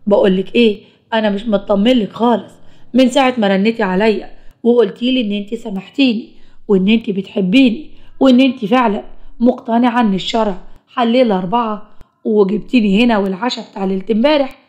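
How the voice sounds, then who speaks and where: A smug, defensive husband from an animated storybook, as a woman storyteller voices him. He talks quickly and bluntly, justifying himself. The voice sits a bit high. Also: lo-fi sound, close to an everyday voice. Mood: wary.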